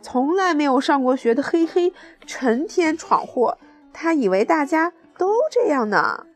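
A woman with a high voice reads a children's picture book aloud, stopping for friendly asides to the child listening. Soft music plays faintly in the background. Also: animated, measured pace. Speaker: storyteller reading to a child.

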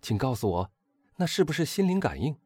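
A man's voice: mid-range voice, brisk, slightly rough, dry recording, voice pushed up. A man voicing an eager, chatty young Parisian nobleman in an audiobook. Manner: excited, gushing.

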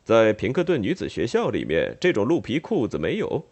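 A man's voice: on the low side, huge pitch swings, fairly quick, darkish tone, slightly rough, full character voice. A man reading an audiobook, voicing a jovial older merchant father who jokes and teases his son in a hearty voice. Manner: hearty, joking.

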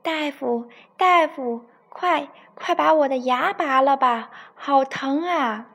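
A woman voicing a big greedy male tiger in a bedtime story, speaking loudly and greedily. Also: high-pitched, expressive, slow, husky, voice pushed up, heavily acted. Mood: pained. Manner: loud, greedy, whining when in pain.

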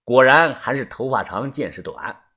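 A man narrating a first-person novel with lively storytelling and wry asides. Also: medium pitch, normal speed, slightly rough. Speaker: audiobook narrator.

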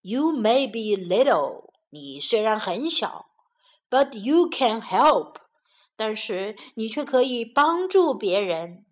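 A woman voicing a great big lion in a children's storybook, loud and roaring. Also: a little high, very animated, slow pace, full character voice. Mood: grateful. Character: great big lion, proud then desperate.

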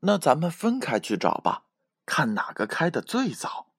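A man lifts his voice into an eager little storybook bunny, high and bright-spirited. The voice leaps about in pitch and stretches out its happy exclamations. It is recorded close and dry, with no room around it. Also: gravelly, slightly rough, no echo, full character voice. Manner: high, excited, drawn-out exclamations. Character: cheerful little bunny, bouncy and sure. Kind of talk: children's bedtime storytelling.

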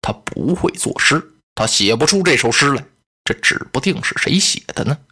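A storyteller voicing a cautious, mild-tempered aging male ruler who speaks deliberately. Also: mid-range voice, expressive, bright, forceful tone, husky, voice pushed down. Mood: wary. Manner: deliberate, measured. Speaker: provincial lord. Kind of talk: traditional storytelling.

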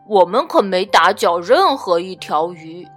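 A woman voicing a timid, easily frightened male doctor in a children's storybook reading, fretful and quick to panic. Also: fairly low pitch, big pitch swings, a bit bright, soft background music, voice pushed down, heavily acted. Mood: worried.

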